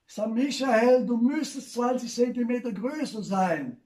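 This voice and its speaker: A man's voice: very high voice, expressive, normal speed, a little mellow. A man with a Rhineland German accent telling carnival jokes at home, chuckling at his own punchlines. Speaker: carnival comedian. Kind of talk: stand-up joke telling. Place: home living room. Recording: echoey room, distant mic.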